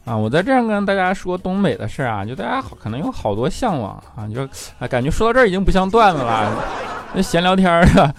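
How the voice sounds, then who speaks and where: A man's voice: high-pitched, very animated, fast, over music. A man with a Northeastern Chinese accent doing stand-up comedy, chatty and laughing through his punchlines.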